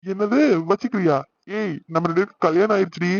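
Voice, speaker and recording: A man's voice: high voice, steady tone, quick pace, vocal fry, no echo. A man voicing a playful, teasing young husband in a cartoon. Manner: playful, mock-innocent. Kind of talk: cartoon voice acting. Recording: slightly dull lo-fi sound.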